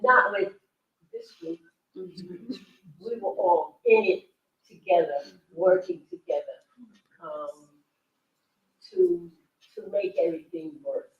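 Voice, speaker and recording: A woman's voice: mid-range voice, sing-song, slow, long pauses. Older woman, former dancer, reflective, laughs often, roomy, distant mic. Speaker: guest speaker, former ballet dancer. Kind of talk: casual talk at a library event. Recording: roomy, distant, dull sound.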